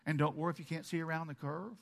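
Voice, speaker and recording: A man preaching a sermon to his congregation, animated, acting out their objections and dropping from loud emphasis to quiet asides. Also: a little high, racing, gravelly. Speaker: pastor.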